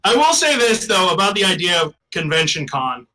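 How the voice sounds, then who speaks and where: A high-pitched man in his thirties with a sharp, bright tone. He rambles through half-formed jokes in loose podcast banter and pokes fun at himself as he goes. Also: very animated, normal speed, low-quality recording. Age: 30s. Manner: rambling, joking, self-mocking. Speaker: podcast co-host. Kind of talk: casual comedic banter.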